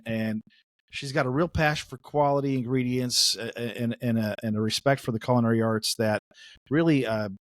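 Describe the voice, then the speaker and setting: A male podcast co-host with an upbeat, rambling delivery full of "uh"s and restarts. His voice sits at an ordinary middle pitch, and the recording is dry and close with no room sound around it. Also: no room sound. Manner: upbeat, rambling with many fillers. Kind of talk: casual interview chat. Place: United States.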